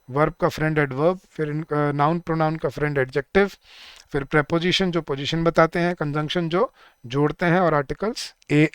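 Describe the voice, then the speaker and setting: A young man teaching grammar in a live online class, asking his students many questions and reading example sentences slowly. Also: a little high, clear, resonant tone, no room sound. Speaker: English teacher for bank exams.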